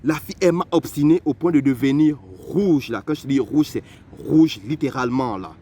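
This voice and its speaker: A young man from Africa telling personal stories to the listener in a lively, conversational way. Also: fairly high pitch, normal speed. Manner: animated, conversational, addresses the listener directly. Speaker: vlogger. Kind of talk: personal storytelling.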